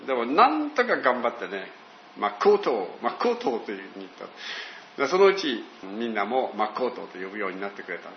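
Older man teaching scripture, roomy sound. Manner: slow, storytelling, with lively pitch. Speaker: pastor. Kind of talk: Bible teaching talk. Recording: dull roomy recording with faint hiss.

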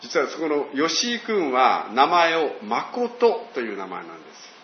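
Slow and storytelling, an older man's Bible talk as a pastor carries a lively pitch. The audio is dull and roomy and has a faint hiss.

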